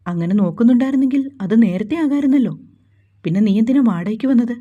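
Woman doing a gruff bossy guy, dark husky voice. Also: fairly high pitch, animated, quick pace, dull audio. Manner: curt, bossy. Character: stern young man, gruff and protective.

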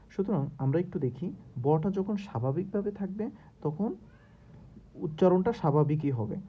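A man's voice: fairly high pitch, breathy edge. A young man teaching a grammar lesson, working through exercises and patiently repeating each question step by step. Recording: dull lo-fi recording.

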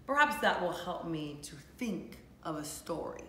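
A woman's voice: fairly low pitch, animated, a little slow, a bit bright, slight background noise. A woman voicing a silly, earnest toad in a children's storybook, with emphatic delivery, recorded in a room. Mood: thoughtful. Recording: echoey room.

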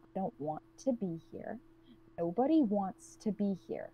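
Cold guarded loner lady, a woman playing her, flat monotone, blunt, darkish mellow voice. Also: medium pitch, a little slow, a little hiss or hum.

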